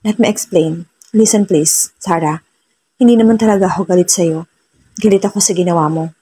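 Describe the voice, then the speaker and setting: A woman voicing a gentle, concerned young husband who talks softly and slips into English. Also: high-pitched, fairly even intonation, normal speed, slightly rough. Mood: pleading. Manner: soft, mixes English into speech.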